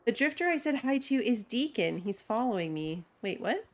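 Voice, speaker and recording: A woman streams a video game, giving casual gameplay commentary and rambling with lots of "like." Her voice is on the high side and sing-song, at normal speed.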